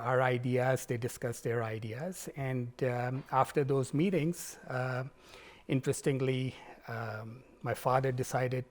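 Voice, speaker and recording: A man, answering interview questions in a measured, formal way as a political candidate. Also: medium pitch. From Pakistan.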